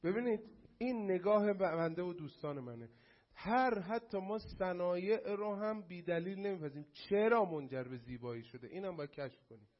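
A man giving a lively lecture to a class, addressing the students directly and acting out quotes to make his point. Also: sits high, dull audio. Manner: animated, addresses the class, acts out mocking quotes.

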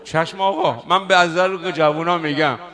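A male preacher giving a religious sermon, moving between slow, drawn-out shouted chanting and quiet, hushed storytelling. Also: a little high. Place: religious hall at a night gathering.

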